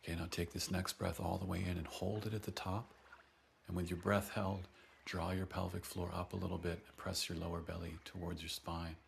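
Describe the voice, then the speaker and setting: A man guiding a breathing and voice meditation, giving soft, gentle, unhurried instructions between long audible sighs. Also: low voice, little pitch movement, vocal fry, a little hiss or hum. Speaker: breathwork and voice teacher.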